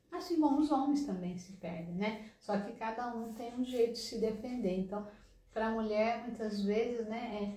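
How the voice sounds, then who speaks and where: Female relationship coach, Brazilian Portuguese accent, chatty and explanatory, mid-pitched, roomy echo. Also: dark tone. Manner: conversational, frequent "né?" tags. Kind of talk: advice talk to camera.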